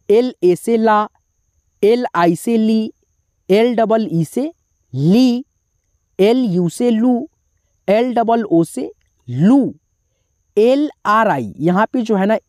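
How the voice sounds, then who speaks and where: A woman teaches spelling, walking through syllables letter by letter at an unhurried pace. Her voice is mellow and low in brightness, and between the drills she stops to explain. The recording is dry, with no room sound around her. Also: no echo. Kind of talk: slow spelling lesson.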